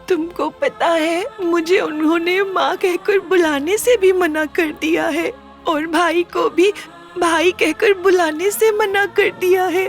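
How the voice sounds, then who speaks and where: Casting: a meek young girl, very high voice, slow and soft. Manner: soft, pleading. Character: gentle, unloved adopted young girl. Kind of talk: Hindi TV serial acting.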